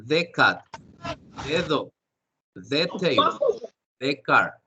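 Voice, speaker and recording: A man's voice: mid-range voice, sing-song, very slow, pushed and bright, highs cut off, slight background noise. A man teaching an English class online, explaining step by step, often repeating himself and checking with questions.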